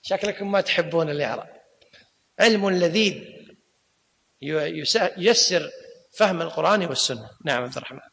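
A teacher of Islamic law and grammar gives a classroom lecture, quizzing his students and going back over key points. His voice is a little high, gravelly and a bit bright, moving fairly quickly but broken by long pauses. A lecture hall's long reverb surrounds him.

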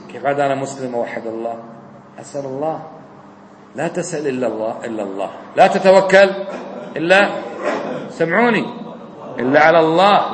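A man preaching a sermon as an imam, fervent and swinging between near shouts and low, quiet lines. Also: a little hiss or hum. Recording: echoey hall with long reverb.

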